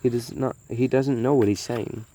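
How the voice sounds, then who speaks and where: A man's voice: medium pitch, steady tone, moderate pace, warm tone, lightly acted. A man voicing a caring, firm mother who speaks soothingly. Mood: tender.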